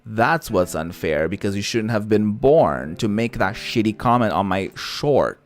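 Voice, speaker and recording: Lowish in pitch yet animated, the man's voice moves at an unhurried pace. He's a gaming content creator and native Portuguese speaker playing a visual novel on stream, delivering casual commentary full of sass, strong opinions and free swearing, with background music.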